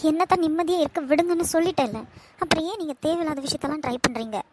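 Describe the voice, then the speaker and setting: A woman doing a hurt, crying young bride in a cartoon, reproaching her husband in a Kanyakumari Tamil accent. She talks fast in a high voice, over a noisy hiss. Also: natural voice. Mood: tearful. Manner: reproachful, pleading.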